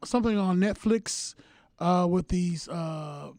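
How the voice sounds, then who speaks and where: Brief: rambling male panelist, high gravelly voice. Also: slow, darkish tone, dry recording, studio quality. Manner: rambling storyteller. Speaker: podcast panelist. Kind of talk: casual podcast banter.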